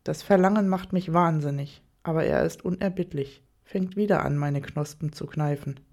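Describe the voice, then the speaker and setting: A woman narrating an erotic audio story in the first person, reading slowly and softly. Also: low voice.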